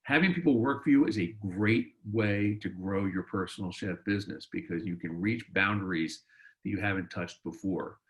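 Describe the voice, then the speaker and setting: Halting low-voiced male webinar host. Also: a bit bright, low-quality recording. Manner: rambling, halting with fillers. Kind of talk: introducing a guest speaker.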